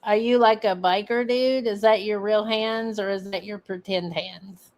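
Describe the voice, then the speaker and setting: A woman's voice: medium pitch, steady tone, unhurried, darkish tone. A woman giving casual, sarcastic reaction commentary full of swearing, reading comments aloud as she goes. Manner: profane and sarcastic. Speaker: online commentator.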